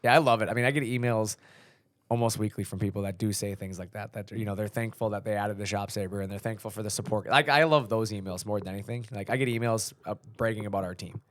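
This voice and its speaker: A man in his thirties hosts a casual business podcast, rambling along in a relaxed way with plenty of fillers. His voice sits low and he talks quickly. The sound is dry and close. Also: no echo. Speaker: podcast host, company leader.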